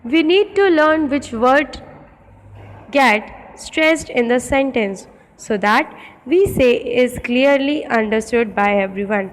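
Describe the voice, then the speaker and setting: A woman teacher with an Indian English accent, reading English words slowly and deliberately and explaining quickly in Hindi. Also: high voice, expressive. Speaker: school teacher. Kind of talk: classroom grammar lesson. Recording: echoey room with long reverb.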